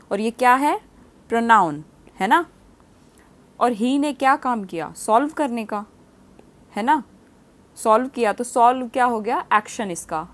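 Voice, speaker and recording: A woman teaching a grammar lesson, explaining step by step and asking her students many quiz questions. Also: on the high side. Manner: reads example sentences slowly and clearly. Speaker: English teacher.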